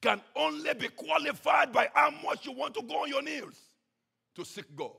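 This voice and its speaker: A man preaching a sermon with passion, swinging between shouts and hushed tones. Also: very high voice, lively intonation, normal speed, gravelly. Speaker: pastor.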